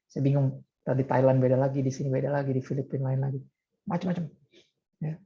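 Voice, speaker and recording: A man's voice: mid-range voice, little pitch movement, fast talker, warm tone, muffled recording. A man preaching a sermon as pastor in a conversational way, often throwing rhetorical questions to the congregation.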